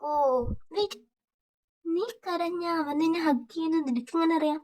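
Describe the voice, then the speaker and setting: A woman's voice: extremely high pitch, fairly even intonation, moderate pace, a little mellow. A woman voicing a blunt young man who keeps questioning his friend. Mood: bemused.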